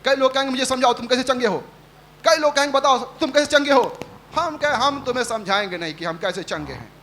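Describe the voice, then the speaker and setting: A man's voice: very high-pitched, fairly quick, pushed and bright, a little hiss or hum. A male pastor preaching a Sunday sermon, leading the congregation in call-and-response and acting out the quotes he tells. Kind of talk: Hindi sermon. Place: church service.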